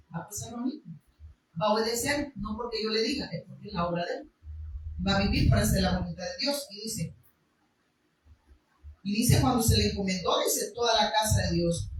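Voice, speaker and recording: A woman's voice: on the high side, fairly bright tone, a little hiss or hum. A woman preaching a sermon, reading from the Bible and speaking emphatically, with rhetorical questions and raised passages. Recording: echoey room, mic far off.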